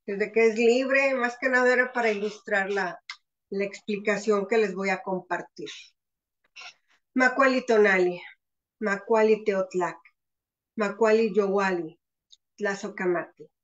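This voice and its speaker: A Mexican woman, a writer, giving a formal, measured presentation with a Mexican accent. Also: medium pitch, highs cut off. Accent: Mexican Spanish. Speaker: guest speaker, writer.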